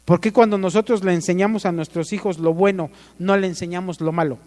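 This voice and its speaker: A man's voice: high-pitched, fairly even intonation, fairly quick, darkish tone, long reverb tail. A man with a Mexican accent preaching a sermon, asking the congregation questions and calling for amens.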